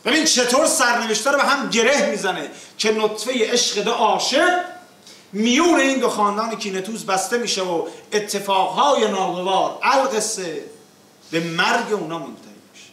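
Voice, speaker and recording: Male storyteller for epic teahouse naqqali: high, declamatory, theatrical delivery, heard at a distance in an echoing space. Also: animated, pushed and bright. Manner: theatrical, declamatory, chanting verse in drawn-out tones. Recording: echoey room, far from the mic.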